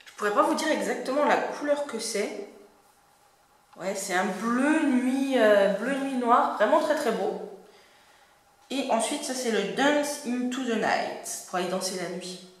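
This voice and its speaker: A young woman with a fairly high voice reviews makeup in a relaxed, chatty way, pausing often on fillers. The room is very echoey. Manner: chatty and hesitant, many fillers. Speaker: beauty vlogger.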